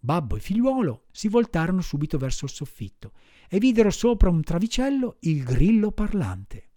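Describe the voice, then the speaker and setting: Lively, expressive male storyteller. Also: high-pitched, normal speed, dry recording, clean studio sound. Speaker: audiobook reader. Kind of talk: storybook narration.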